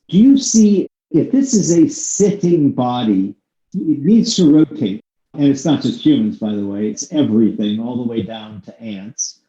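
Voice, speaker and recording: A man's voice: medium pitch, dark tone. A man hosting a podcast interview, talking in long, discursive turns with swings of emphasis. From United States. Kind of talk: conversational interview. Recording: echoey room, slightly dull sound.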